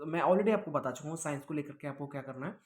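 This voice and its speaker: A male online exam coach gives an informal lesson answering student questions, explaining and repeating himself and checking in often. He mixes English words into his speech, using a fairly high, darkish voice at a quick pace.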